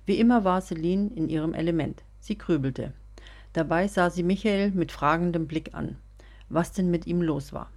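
Woman, story narrator, measured, husky, warm. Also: lowish voice. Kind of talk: audiobook reading.

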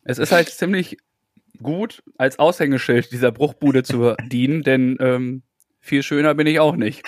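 A man's voice: mid-range voice, measured pace, no room sound, clean studio sound, lightly acted. A man playing a mock-earnest tenant or surveyor in an improvised comic phone role-play, formal, polite and a little hesitant.

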